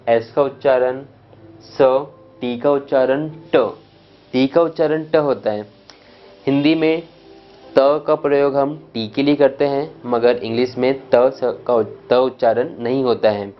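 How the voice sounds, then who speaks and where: Male tutor, mid-range voice, unhurried lesson delivery, faint music underneath. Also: mid-range voice. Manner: deliberate, repeats letters and sounds one by one. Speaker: spoken English teacher. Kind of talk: slow explanatory lesson. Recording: dull lo-fi sound with faint music.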